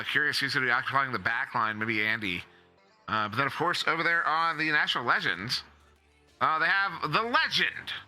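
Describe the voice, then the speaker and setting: A man's voice: mid-range voice, bright, forceful tone. A man doing live play-by-play esports commentary, chatty and joking, with lots of fillers.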